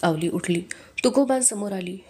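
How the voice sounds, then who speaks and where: A woman reading a book aloud in a steady, measured narration. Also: mid-range voice, husky. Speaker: book reader.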